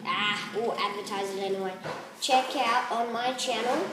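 A fairly high-voiced woman chats and jokes through a casual shooter-game session. She keeps up a playful, sing-song banter with her friend. Her voice sounds far from the mic in a roomy, noisy recording. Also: normal speed. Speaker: co-host of a gaming podcast.

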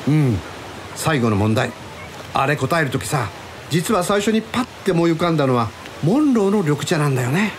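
Music plays behind a man whose voice runs on the high side, very animated yet at a moderate pace, with a bit of background noise. He's an actor in a radio drama voicing an easygoing, wistful character who confides about a lost love in a casual, reflective way.

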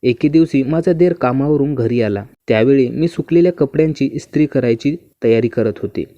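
Mellow, even-voiced male storyteller. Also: medium pitch, a little fast, dry recording. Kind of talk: first-person story narration. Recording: dull, muffled dry recording.

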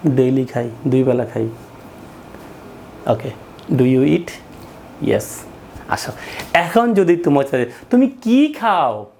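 Guy teaching english to a class, slow and bouncy, says stuff and makes them repeat, faint room hum. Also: mid-range voice, lively intonation, vocal fry, dark tone. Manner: drills phrases, asks the class to repeat. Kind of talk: classroom lesson.

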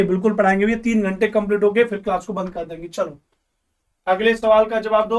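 A male teacher running a live online revision class. He quizzes viewers, repeats questions slowly and jokes with them. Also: high voice, clean tone, far from the mic. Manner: joking banter with viewers.

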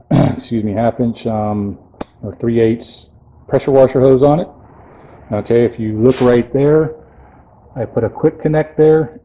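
A man's voice: medium pitch, warm tone, poor audio. A man casually walking through the equipment inside his work trailer, explaining things plainly with fillers. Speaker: pressure washing business owner. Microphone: handheld camera mic, filming in first person.

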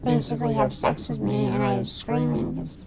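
A woman in her thirties whose voice is electronically altered to sound deep, giving testimony haltingly with many fillers and restarts. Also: flat delivery, over loud music.

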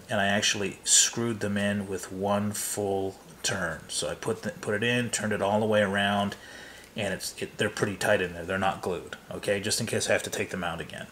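A man's voice: lowish voice, fairly bright tone, a little hiss or hum. A man walking through his scale model build at the workbench, loose and rambling, with lots of fillers and restarts. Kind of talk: hands-on build walkthrough. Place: workbench, off camera.

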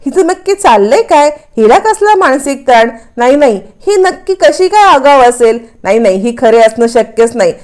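A woman's voice: sits high, very animated, normal speed, hardly any pauses, darkish tone. A woman voicing a puzzled, suspicious young husband. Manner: questioning himself, doubtful.

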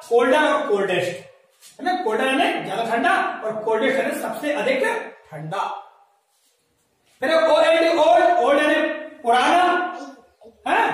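Patient woman teacher in an echoey room. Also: high voice. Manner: patient, spells words letter by letter, checks understanding often. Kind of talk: classroom lesson. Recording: echoey room, mic far off.

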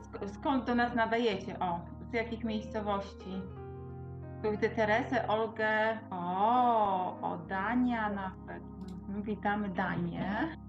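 A woman leads an online class over a video call, speaking in a friendly, instructing way. Her voice comes through a bad connection, dull and lo-fi, as if through a cheap computer mic. Music plays clearly behind her. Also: medium pitch, slow pace. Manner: friendly, instructing, greets participants. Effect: bad connection, lo-fi video call audio.

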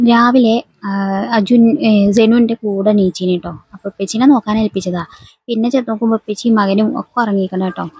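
A woman's voice: mid-range voice, darkish tone, slightly rough, poor audio. A young woman, chatting through a home vlog voice-over in a casual way. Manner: chatty, ends sentences with "tto". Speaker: vlogger, mother.

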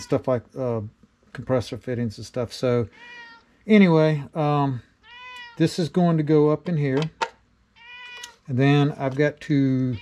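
Relaxed man explaining a workshop build. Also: medium pitch. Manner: relaxed and plainspoken, many fillers. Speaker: DIY maker showing a build. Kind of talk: casual workshop how-to. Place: cluttered home workshop.

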